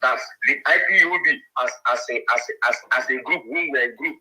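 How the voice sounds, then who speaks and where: A man's voice: medium pitch, quick pace, pushed and bright, slightly rough, low-quality recording. A man calling in to a talk show, heard through a phone on speaker, hesitant and full of fillers, often repeating himself. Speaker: caller. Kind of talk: call-in chat.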